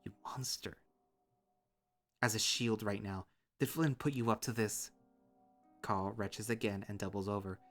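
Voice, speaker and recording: A young man reading a visual novel aloud in first person, with steady, earnest storytelling. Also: fairly low pitch.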